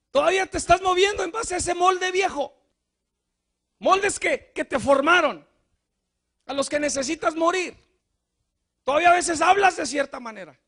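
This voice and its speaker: Guy preaching, really high voice, goes soft then yells. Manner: swings from hushed asides to shouted declarations, mixing in English phrases. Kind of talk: sermon.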